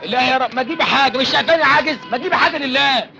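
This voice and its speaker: An actor with an Egyptian accent playing a sly street beggar who fakes blindness and pleads in singsong blessings. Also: male voice, extremely high pitch, rapid-fire, vocal fry, noisy background. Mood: pleading. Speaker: film character. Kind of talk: film comedy acting.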